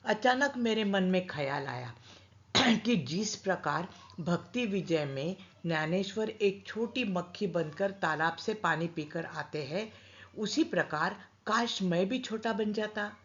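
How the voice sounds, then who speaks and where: A woman calmly reading a story aloud as narrator. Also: medium pitch, slow. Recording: dull lo-fi recording.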